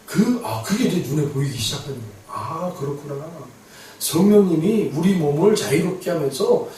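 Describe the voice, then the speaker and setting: A middle-aged man preaches with a high, lively voice that swoops up and down as he tells his story. He repeats phrases for emphasis, and his voice rings through a large sanctuary, picked up from a distance. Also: normal speed, slight background noise. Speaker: pastor. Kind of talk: sermon. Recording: echoey hall from far off.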